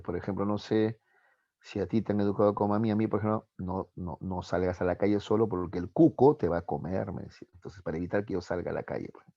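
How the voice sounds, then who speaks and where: A man teaching a class over a video call, his voice sitting low. He keeps checking in with his students as he explains. The sound is dry and a little muffled, like online-class audio. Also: mellow, breathy edge, no echo.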